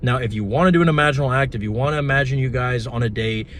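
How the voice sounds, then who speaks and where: A man's voice: mid-range voice, quick pace, a bit bright, a little hiss or hum. A man giving blunt, profane dating and manifestation advice in a casual vlog. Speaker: manifestation coach.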